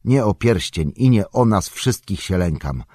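A man voicing a sombre, haunted male ranger in an audiobook, speaking quietly and heavily. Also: on the low side, lively intonation, unhurried, dry recording, studio quality, voice pushed up. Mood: earnest. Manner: quiet, heavy. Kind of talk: audiobook character reading.

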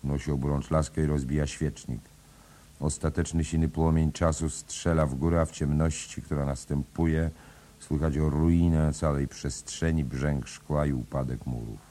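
A man narrating the stage directions of a play in a measured, even way. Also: very deep voice.

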